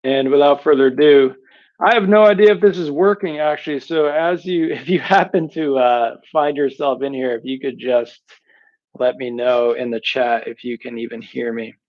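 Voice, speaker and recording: A man's voice: medium pitch, normal speed, dull audio. A man hosting a casual live stream from his workshop, chatting to viewers through a headset mic while he works. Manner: rambling, chatty, talks to viewers while working. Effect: livestream headset mic audio. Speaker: knife sharpening host. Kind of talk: casual livestream chat.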